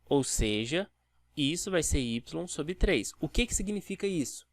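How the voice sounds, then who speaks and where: A man teaches a video math lesson in a voice pitched a little high. He walks through each step and asks the viewer rhetorical questions as he goes. The sound is dry and close, with almost no room reflection. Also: lively intonation, unhurried, dry recording.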